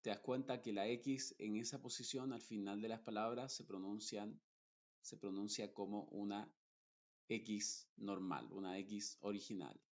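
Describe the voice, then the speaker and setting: A man teaching pronunciation, speaking deliberately and repeating example words carefully, one at a time. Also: lowish voice, steady tone, highs cut off. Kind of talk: slow, deliberate pronunciation lesson.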